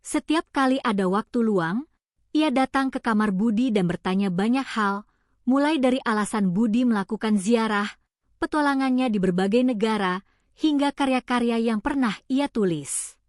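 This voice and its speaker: A woman reading a scripted story in a calm, steady storytelling voice. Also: on the high side, moderate pace, no room sound, clean studio sound. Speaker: narrator.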